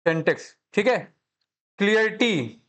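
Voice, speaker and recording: Man, commerce teacher, classroom lecture, joking and chatty, very expressive pitch. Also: measured pace. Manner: chatty, joking, checks understanding constantly.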